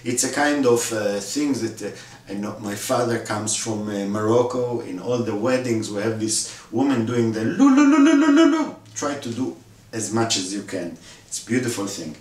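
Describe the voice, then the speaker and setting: A man explaining a vocal score step by step, pausing often with fillers and acting out the sounds himself. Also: lowish voice, darkish tone. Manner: demonstrates sounds with his own voice, many fillers. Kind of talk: instructional walkthrough. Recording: echoey room, voice from far off.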